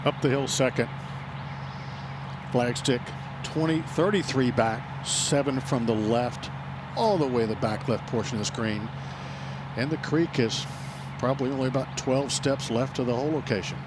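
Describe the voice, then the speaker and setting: A man with a mid-pitched voice gives live golf commentary as the analyst. He explains strategy in short, advisory remarks, with outdoor noise clearly heard behind him. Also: normal speed.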